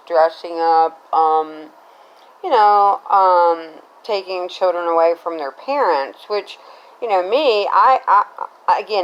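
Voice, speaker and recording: A middle-aged American woman from Cincinnati, Ohio, tells a personal story in a casual, rambling, conversational way, often checking in with her listener. Her pitch is fairly low, and the recording sounds muffled.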